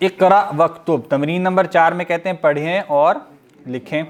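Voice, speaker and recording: A man teaching a recorded lesson, reading out words slowly and explaining each one. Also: on the high side, fairly even intonation. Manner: slow and deliberate, reads Arabic words then explains them. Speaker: Arabic teacher.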